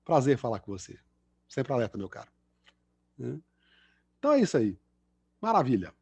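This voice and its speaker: A man's voice: medium pitch, big pitch swings, moderate pace, vocal fry, darkish tone, breathy edge, no room sound, dull audio. A middle-aged man from Belo Horizonte with a Mineiro Brazilian Portuguese accent, a guest engineer chatting and cracking jokes at the end of an online lecture over a video call. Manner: chatty, self-mocking joker with many fillers.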